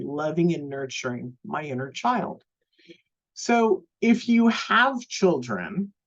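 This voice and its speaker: A woman teaches a live online self-love class, speaking gently and without hurry, often restarting phrases and using fillers. Her voice sits low, and the recording is muffled.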